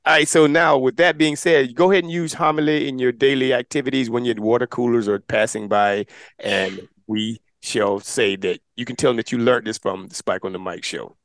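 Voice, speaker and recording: A man hosting a casual podcast, playful and quick to laugh, with announcer-style asides to listeners. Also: medium pitch, fairly even intonation, no room sound. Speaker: podcast host. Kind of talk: casual chat.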